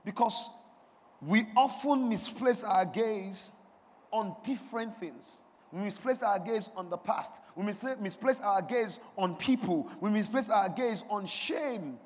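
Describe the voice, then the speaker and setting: A male pastor with a notably high voice preaches to his congregation, calling out lines for them to repeat. He builds from quiet questions to loud, emphatic proclamations. His voice rings through the long reverb of a church sanctuary. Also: unhurried, slightly rough. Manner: call-and-response preaching, swells to emphatic declarations. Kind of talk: sermon. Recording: long reverb of a large hall.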